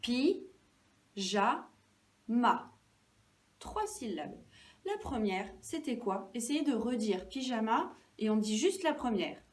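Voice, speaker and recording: Slow, sing-song woman teacher. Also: fairly high pitch, a little mellow, distant mic. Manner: slow and deliberate, stretching out syllables, encouraging. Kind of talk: recorded classroom lesson for young children.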